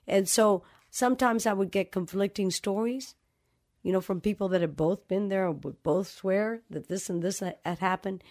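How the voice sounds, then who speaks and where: A woman's voice: medium pitch, a little mellow. A woman from the Dominican Republic, a novelist giving reflective, storytelling answers in an interview. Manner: thoughtful, acts out remembered dialogue.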